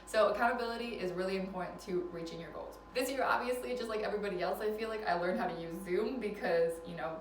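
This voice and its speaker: Indoors at a relative's house, a woman in her twenties rattles through life advice in a casual vlog, laughing often and poking fun at herself. Her mid-range voice carries room echo from the distant mic, with a faint hum of noise behind.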